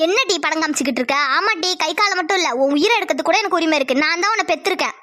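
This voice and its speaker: A woman voicing a nagging middle-aged mother in a Tamil cartoon, shrill and threatening as she scolds. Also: expressive, racing, sharp tone, exaggerated voice. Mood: scolding.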